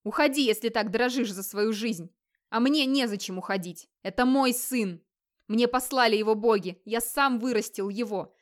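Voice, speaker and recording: A woman's voice: a little high, normal speed, close to an everyday voice. Woman voicing a furious old crippled father. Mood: furious defiant. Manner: shouting fiercely.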